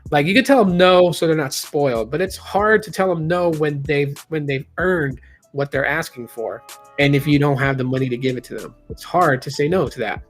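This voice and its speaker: Man, late 30s, streamer host: candid, rambling chat, voice pitched a bit high, soft music under him. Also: normal speed. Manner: rambling, candid, many restarts, reads chat aloud. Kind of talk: casual live-stream chat.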